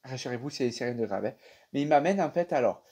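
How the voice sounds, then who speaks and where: A young man with a French accent casually telling viewers about a dream, animated and chatty with many fillers. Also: mid-range voice, fast talker, breathy edge. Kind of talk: casual storytelling to camera.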